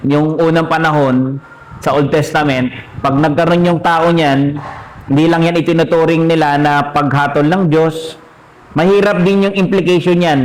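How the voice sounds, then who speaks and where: Fairly high-voiced man preaching conversationally. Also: low-quality recording. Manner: conversational teaching, asks the listeners questions. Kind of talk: sermon.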